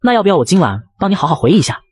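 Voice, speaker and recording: Aloof young tycoon, read by a man, low teasing lines, quick and lively. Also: breathy edge, full character voice. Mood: cool. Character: tall, cold young male tycoon, teasing.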